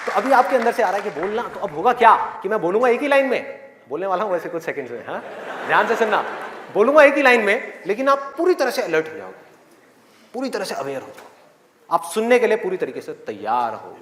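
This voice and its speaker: A man's voice: sits high, very animated, brisk, fairly bright tone, slight background noise. A man giving a motivational session to a live audience in a hall, full of rhetorical questions and acted-out voices. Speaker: motivational speaker. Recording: echoey hall with faint crowd.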